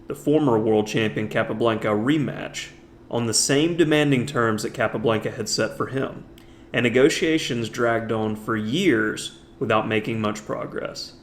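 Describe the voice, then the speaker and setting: A man's voice: lowish voice, slight background noise. A man narrating a chess lesson, walking through a historic game move by move and stretching out the words he wants to stress. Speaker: chess instructor.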